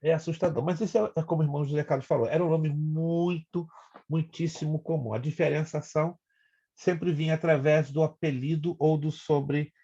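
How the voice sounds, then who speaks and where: Brief: Brazilian-accented male pastor-teacher, fairly high voice, chatty online lecture, muffled call audio. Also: steady tone, brisk, warm tone. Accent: Brazilian Portuguese. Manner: chatty, teasing, explains step by step. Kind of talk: online Bible class lecture. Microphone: video call.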